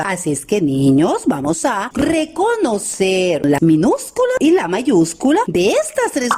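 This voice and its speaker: A woman's voice: mid-range voice, darkish tone, slight background noise. A woman teacher giving a patient phonics lesson to young children, praising them often and guiding them step by step.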